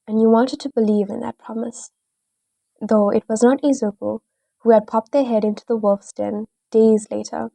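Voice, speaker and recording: A woman reading an audio fanfiction in a steady second-person storytelling style. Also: fairly high pitch, creaky, no echo. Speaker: narrator.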